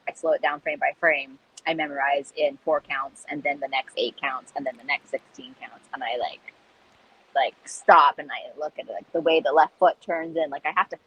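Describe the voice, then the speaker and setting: A woman chatting casually as a guest, animated and self-deprecating, repeating words for emphasis. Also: low voice, slightly rough, lo-fi sound. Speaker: guest, recreational jump roper. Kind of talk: casual chat about learning skills.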